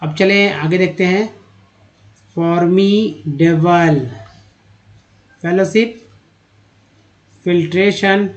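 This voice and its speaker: A man, teaching in a slow lesson and reading word lists aloud syllable by syllable. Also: high-pitched, highs cut off. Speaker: English teacher.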